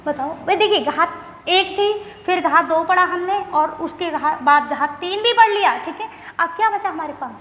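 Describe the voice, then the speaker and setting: A woman's voice: very high voice, moderate pace, fairly bright tone. A woman teaching a maths lesson who asks questions, answers them herself and repeats key terms. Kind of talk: classroom lecture. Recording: echoey room with faint noise.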